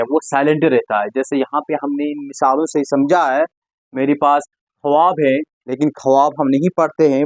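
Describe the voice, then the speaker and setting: A male teacher gives a slow, deliberate exam-prep lecture. His voice sits a little high for a man, and he keeps repeating key points so the class remembers them. The sound is dry and close. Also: no room sound. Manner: asks the class questions and answers them himself. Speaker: Urdu teacher.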